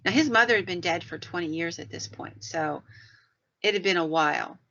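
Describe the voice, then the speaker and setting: A woman hosting a podcast shares paranormal stories conversationally and folksily, with plenty of rambling digressions. Her fairly low, somewhat bright voice moves at a moderate pace through dull, lo-fi audio.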